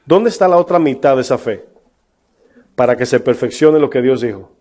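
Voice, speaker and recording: A man's voice: mid-range voice, animated, moderate pace, darkish tone. A man preaching a sermon as pastor, emphatic, with rhetorical questions to his congregation. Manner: mocks false prophets in a put-on voice.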